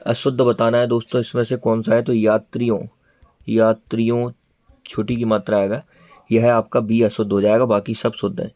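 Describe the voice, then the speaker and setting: A man's voice: fairly low pitch, level tone, normal speed, mellow, no echo. A man teaching an exam preparation lesson, repeating each answer and calling his viewers friends.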